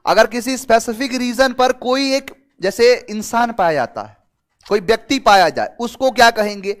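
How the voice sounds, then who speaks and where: A man teaching English vocabulary to students, explaining in Hindi mixed with English terms and asking them questions. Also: very high voice. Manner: lively and talkative, gives everyday examples. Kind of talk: online exam-prep class.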